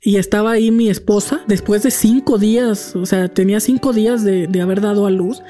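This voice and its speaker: A man with a Mexican accent, tired after a long day, tells a business story in a casual, animated, profane way. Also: high-pitched, brisk, faint music behind. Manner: animated, profane, dramatic retelling. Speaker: podcast host telling a business story.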